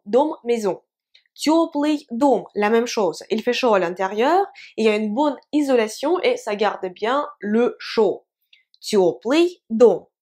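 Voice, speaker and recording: A woman whose first language is Russian gives a language lesson in French. Her voice sits slightly high, and she moves at an unhurried pace, repeating each example word with patient care. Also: a little mellow. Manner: slow, careful repetition of example words.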